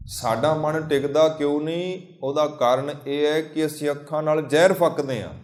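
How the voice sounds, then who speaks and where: A man giving a Sikh sermon, slowly chanting scripture lines between plain explanations and repeating phrases in lists. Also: mid-range voice, darkish tone, echoey room. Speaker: Sikh preacher.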